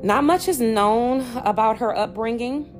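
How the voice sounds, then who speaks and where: A woman's voice: on the high side, a little slow, faint music behind. An American woman hosting a podcast, narrating true crime in a grave storytelling manner with blunt personal asides. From Detroit, United States. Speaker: podcast host.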